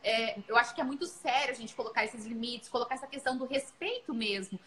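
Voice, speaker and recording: A Brazilian mother in her thirties, working as a co-host, chats earnestly about parenting and shares animated stories from home. Her voice is fairly high and she talks fast, over slight background noise on a rough recording.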